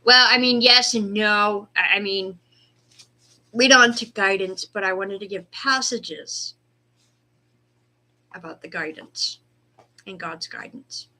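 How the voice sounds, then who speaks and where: Bright-voiced woman reading scripture slowly. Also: medium pitch. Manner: rambling, reads verses slowly and deliberately. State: hiccups, dry throat. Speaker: livestream host reading prayer requests and scripture. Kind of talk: casual spiritual livestream talk.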